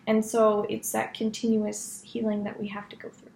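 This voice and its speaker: A woman's voice: medium pitch, completely flat delivery, normal speed, a little mellow. A woman leading a guided energy healing session like a psychic reading, reassuring and affirming, often checking in with a short question. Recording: roomy echo with clear background noise.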